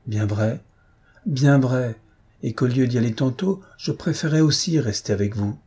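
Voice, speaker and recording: A man voicing a lively, candid young wife in a read-aloud novel, raising his voice for her. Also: mid-range voice, moderate pace, slightly rough, natural voice. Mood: earnest.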